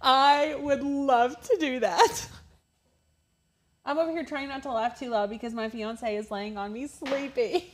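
A woman's voice: sits high, unhurried. A woman co-hosting a casual craft livestream, reading viewer comments aloud and laughing often. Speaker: co-host reading live chat.

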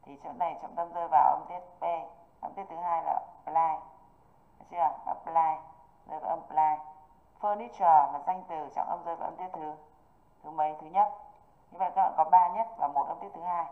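Low-voiced woman teacher, tinny call audio. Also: fairly even intonation, brisk, vocal fry. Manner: patient, repeatedly checking students understand. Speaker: English teacher. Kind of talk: online exam review lesson.

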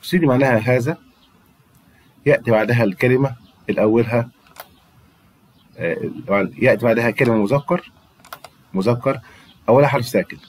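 A man's voice: mid-range voice, fairly quick, long pauses, a little hiss or hum. A man with an Egyptian Arabic accent, teaching a French grammar lesson to students and patiently repeating words for them to drill. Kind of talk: classroom-style grammar lesson.

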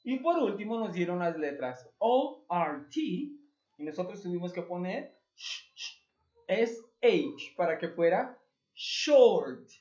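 Slow, animated woman teaching young children. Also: fairly low pitch. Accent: Mexican Spanish. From Mexico. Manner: slow, patient, spells words letter by letter; calls the pupils "hijos", praises often. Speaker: English teacher. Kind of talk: remote lesson for young children. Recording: roomy, dull lo-fi home recording.

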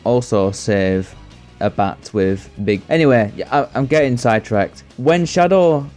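This young man hosts a video essay, reading scripted commentary in a medium-pitched, slightly mellow, unhurried voice. He's sarcastic and sweary, tossing in joking asides with mock exasperation, recorded indoors as a voice-over over background music.

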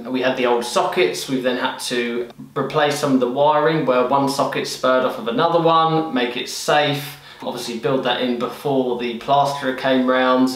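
A man's voice: mid-range voice, a bit bright. A young British man giving a chatty, self-deprecating renovation update to camera in a half-finished room. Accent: British English. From United Kingdom. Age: young adult. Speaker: property renovation vlogger. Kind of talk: casual DIY update to camera. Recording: roomy echo of a bare room.

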